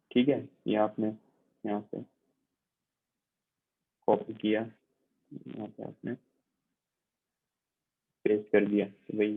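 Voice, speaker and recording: Man, lab instructor, online lecture, patient step-by-step explaining, husky voice, narrow tinny audio. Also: fairly low pitch. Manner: patient, repetitive explaining with frequent check-ins. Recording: tinny, phone-like narrow sound.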